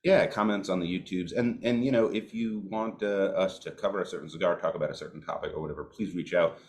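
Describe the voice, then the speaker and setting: A man co-hosting a cigar podcast, talking in a relaxed, casual way with some swearing. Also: low voice, quick pace. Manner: laid-back, swears casually. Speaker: podcast co-host. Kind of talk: casual chat.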